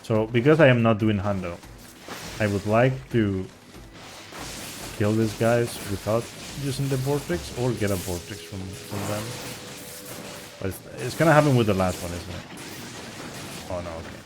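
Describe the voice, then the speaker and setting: A man with a fairly low voice talks casually over his gameplay. He rambles and chats with viewers, full of restarts and fillers, while soft music plays underneath. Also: moderate pace, pauses often. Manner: rambling and chatty, with frequent restarts and "like". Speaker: speedrunner streamer. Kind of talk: casual live-stream commentary.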